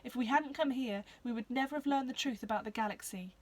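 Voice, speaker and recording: A bold young hoofed alien girl argues her case fast and fiercely, as a woman puts her on. The voice sits high above a storyteller's own and comes out loud and forceful, pressing every point. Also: natural voice. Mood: urgent. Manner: urgent, persuasive. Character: brave determined young female alien creature with hooves.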